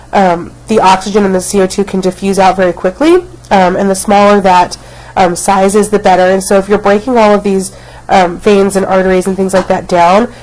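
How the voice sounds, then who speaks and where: At home rather than at school, a woman teacher records a casual biology lecture while she has a cold, sounding snuffly and coughing. Her voice is medium-pitched with a darkish tone, she says um a lot, and the recording is rough.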